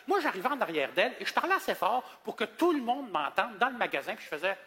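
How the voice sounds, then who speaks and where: Québécois guy doing stand-up, high lively voice, fast, echoey hall. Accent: Québécois French. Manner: animated, acts out customers in high voices. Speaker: stand-up comedian. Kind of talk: stand-up comedy routine. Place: comedy gala stage. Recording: live hall reverb, faint noise.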